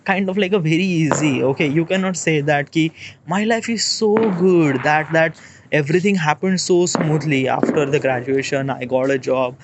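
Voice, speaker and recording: A man in his late twenties with an Indian English accent, thinking aloud in a rambling, halting monologue and checking in with "okay?" as he goes. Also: on the high side, noisy background. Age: 20s. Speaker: vlogger. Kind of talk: casual reflective monologue.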